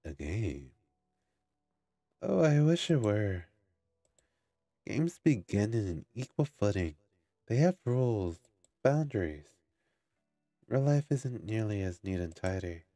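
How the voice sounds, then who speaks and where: A man reading the lines of a grim, vengeful young man aloud, flat and slow. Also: fairly low pitch, dry recording, studio quality, pitched above the performer's own voice, full character voice.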